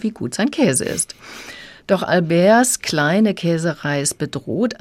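Woman, low voice, calm retelling, radio review, dry close sound. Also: no echo. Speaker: book reviewer.

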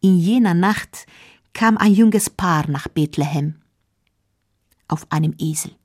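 Slow, husky storytelling woman. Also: lowish voice. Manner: slow, gentle, often drops to a whisper. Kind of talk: storybook narration.

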